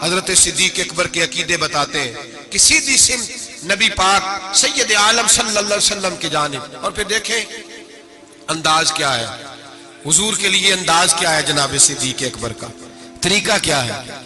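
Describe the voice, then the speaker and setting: A man from Pakistan preaching with a high, lifted voice. He tells the story dramatically, swinging his voice up and down as he acts out the dialogue. Now and then he slows right down to recite poetry. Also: animated, pushed and bright, faint music behind. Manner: dramatic, shifts pitch to act out quoted dialogue. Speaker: Islamic preacher. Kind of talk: sermon storytelling.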